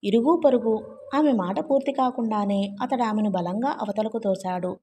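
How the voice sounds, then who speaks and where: A woman narrating a novel aloud with an expressive storytelling reading. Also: mid-range voice, normal speed, slight background noise. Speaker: audiobook narrator.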